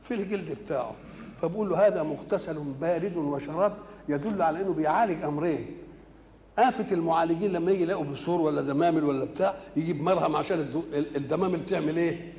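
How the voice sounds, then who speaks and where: Gravelly Egyptian man teaching in a hall. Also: on the high side, darkish tone, slight background noise. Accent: Egyptian Arabic. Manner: asks the audience rhetorical questions and answers them himself; recites verses slowly and deliberately. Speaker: Quran commentator. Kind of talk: Quran commentary lesson.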